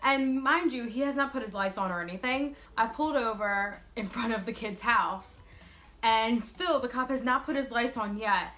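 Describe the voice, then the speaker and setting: A woman's voice: fairly high pitch, normal speed, faint music behind. A woman in her twenties, a vlogger telling a casual, chatty story and acting out bits of dialogue as she goes. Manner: animated retelling with quoted dialogue.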